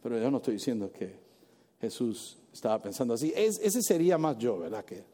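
A male preacher giving a sermon with animated storytelling, dropping English exclamations into his retelling. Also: mid-range voice, brisk. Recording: reverberant hall.

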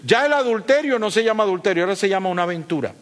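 A middle-aged man preaching a sermon, emphatic, asking the congregation rhetorical questions and dropping from loud high points to low asides. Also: lively intonation, rapid-fire. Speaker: pastor.

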